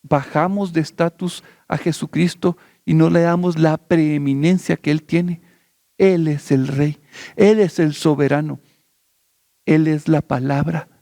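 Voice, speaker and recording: A male pastor with a high voice preaches and prays slowly and fervently. He repeats phrases in a steady cadence. The recording is dry, with no room echo. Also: vocal fry. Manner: slow, pleading prayer. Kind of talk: sermon turning into prayer.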